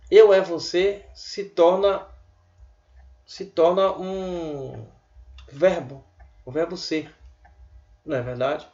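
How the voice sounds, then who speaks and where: A man giving a casual online language lesson, chatty and repeating words slowly for his students. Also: fairly high pitch, gravelly, a little mellow, dull audio. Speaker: language teacher.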